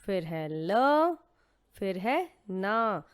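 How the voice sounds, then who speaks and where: A woman's voice: mid-range voice, big pitch swings, clean tone. A woman teaching young children to read, patiently sounding out syllables and asking questions she then answers herself. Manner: sounds out syllables slowly, mixing in English words. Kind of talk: children's Hindi reading lesson.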